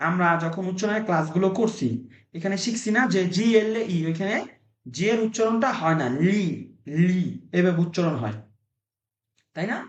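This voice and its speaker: A man with a high, light voice teaches an online Italian class. He repeats phrases slowly and quizzes his students. The call sounds roomy and echoey. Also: animated, lo-fi sound. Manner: asks students questions. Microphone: video call.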